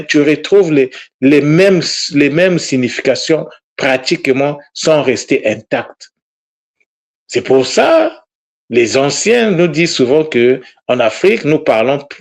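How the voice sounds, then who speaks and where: A man teaching his followers in an informal monologue, earnest and exhortative, talking about himself in the third person and pausing often with fillers and repeated words. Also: mid-range voice. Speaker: Kikongo language teacher.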